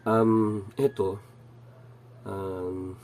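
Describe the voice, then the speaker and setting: A man's voice: on the low side, flat delivery, very slow, a little mellow, a little hiss or hum. A middle-aged man with a nasal voice, casually telling a personal story with many fillers and restarts while he has a cold. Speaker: channel host.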